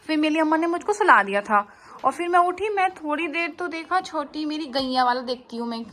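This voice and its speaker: Woman doing a cheerful baby girl, chatty, sing-song baby talk, high voice, first-person vlog narration. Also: a bit bright. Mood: excited.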